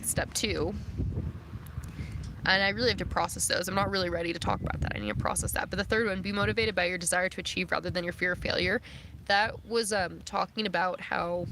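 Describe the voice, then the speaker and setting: Holding her phone close, a young woman livestreams outdoors near passing vehicles, and the outdoor noise is audible. Her voice is fairly low in pitch, and she chats casually, packing in fillers and reading chat comments aloud.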